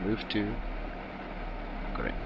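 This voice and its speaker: A man's voice: takes it slowly, dull audio. A man with a broad South African accent, commentating on sim racing as host and chatting casually. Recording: clear vehicle and ambient noise.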